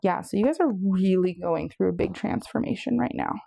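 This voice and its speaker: A woman's voice: mid-range voice, fairly quick, vocal fry, mellow, slightly rough, dry recording. A woman giving a casual pick-a-card tarot reading, chatty and meandering, a little out of breath. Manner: chatty, meandering, self-correcting. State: slightly out of breath. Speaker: tarot reader.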